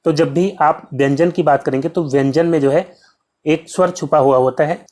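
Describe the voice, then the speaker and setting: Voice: mid-range voice, fairly even intonation, normal speed, warm tone. A Hindi teacher giving an exam-prep lesson, drilling points by asking questions and answering them, with the filler "जो है" in almost every sentence. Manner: heavy use of filler "जो है".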